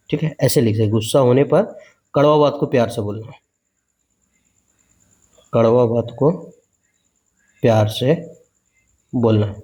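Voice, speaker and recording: A male coaching teacher from India with a warm, dark voice at an ordinary pitch. He talks in a casual, chatty way, chanting words over again as memory tricks and checking whether his students follow. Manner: chatty, repeats words in mnemonic chants, asks learners questions. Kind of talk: vocabulary lesson.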